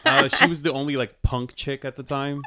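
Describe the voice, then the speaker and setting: A man's voice: a little high, sing-song, a little fast, gravelly, bright, forceful tone. A man, telling a story in a casual podcast chat, full of fillers. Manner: laid-back, storytelling with lots of fillers.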